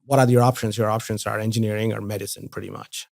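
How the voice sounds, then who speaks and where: A man's voice: on the low side, little pitch movement, fast talker, creaky, darkish tone, no echo, clean studio sound. A man from India in his forties, a guest talking casually in an interview, often restarting and repeating words. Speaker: venture investor, podcast guest.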